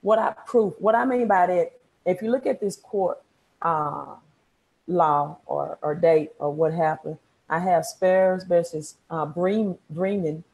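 A woman in her thirties speaks with a Mississippi accent in a slightly low register. She teaches informally on a live stream as a coach, repeating key words and tagging her points with "right?". She is recorded at home on an earphone mic during a video call. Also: fairly even intonation, slow, creaky, darkish tone, rough recording. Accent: Mississippi, Southern US. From Mississippi, United States. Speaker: credit repair coach. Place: small room at home, indoors.

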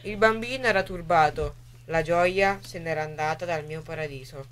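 A woman reading a creation tale aloud on a radio poetry program, soft and expressive, hushing for the whispered parts. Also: low voice, normal speed, faint music behind. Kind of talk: storybook reading.

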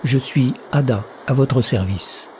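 A man voicing Ada, a calm mysterious woman. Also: medium pitch, slow pace, slight background noise, lightly acted. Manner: calm, distinct, courteous. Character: mysterious young woman on a screen, calm and precise.

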